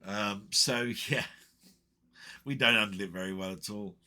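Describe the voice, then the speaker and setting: A man's voice: fairly low pitch, measured pace, sharp tone. A middle-aged English man chatting casually and reading out viewer comments, meandering with frequent ums and restarts. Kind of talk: casual rambling chat.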